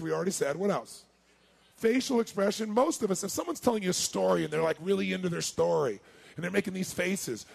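A man giving a sales seminar, firing rhetorical questions at his audience and swinging between loud and hushed delivery. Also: on the high side, gravelly, breathy edge. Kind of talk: live seminar talk to an audience.

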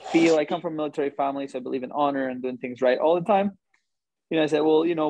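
A man telling a personal story to a live audience in an animated, conversational way, often checking in with listeners. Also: medium pitch, no room sound.

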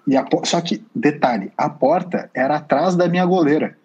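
A young man, co-hosting a casual podcast and telling a story in a slangy, animated way. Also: a little high, normal speed, slightly rough, lo-fi sound. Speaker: podcast co-host.

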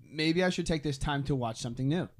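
Higher-voiced man teasing with questions. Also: fast talker. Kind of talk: casual podcast chat.

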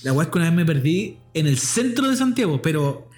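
A man's voice: on the high side, big pitch swings, brisk, darkish tone, soft background music. A young man with a Chilean accent, casually telling personal stories on a podcast in a slangy, laughing way. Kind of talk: casual storytelling chat.

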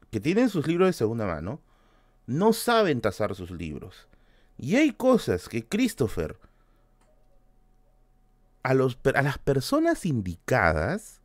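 Male channel host, Peruvian accent, chatty storyteller, very lively pitch, dry sound. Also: dry recording. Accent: Peruvian Spanish. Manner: animated, swings from loud to hushed asides, swears casually. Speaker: book-collecting channel host. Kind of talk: casual storytelling to camera.

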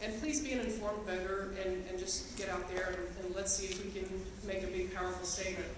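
Her mid-range voice stays steady while she speaks briskly, addressing educators at a teachers' association meeting. The talk is casual and sincere, thick with ums and you-knows. Captured from afar, it echoes around a spacious hall with ambient noise.

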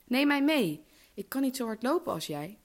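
A woman's voice: low-pitched, normal speed. A woman doing a pushy, pleading fairy-tale frog. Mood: calling out. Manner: insistent, raised calling voice.

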